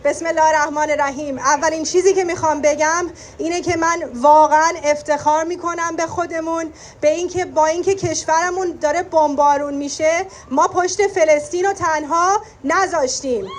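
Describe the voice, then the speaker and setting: A young woman with a high voice delivers an impassioned, emphatic protest speech outdoors at a rally, repeating phrases for emphasis. Her tone holds steady and her pace races. She is recorded from a distance amid a crowded, noisy scene with loud street, crowd, and vehicle noise.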